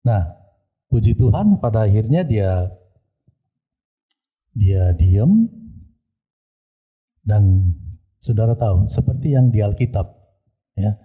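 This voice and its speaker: A man's voice: on the low side, lively intonation, slow, pauses often, slightly rough, phone-quality sound. A male pastor telling a story during a church service, often turning to address the congregation. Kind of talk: sermon testimony.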